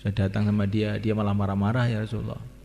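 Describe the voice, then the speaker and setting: A man voicing a weary male companion who quietly reports his failure, during a sermon. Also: on the low side, level tone, fast, vocal fry, slight background noise, pitched below the performer's own voice. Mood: pleading. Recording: echoey hall with long reverb.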